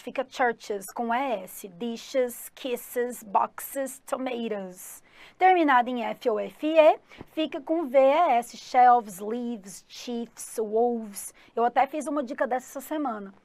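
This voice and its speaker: A woman's voice: fairly high pitch, slow pace, a little mellow. A woman with a Brazilian Portuguese accent, an English teacher giving an upbeat exam-prep lesson who often checks in with her students and speaks of herself as the teacher. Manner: calls herself 'the teacher' in third person.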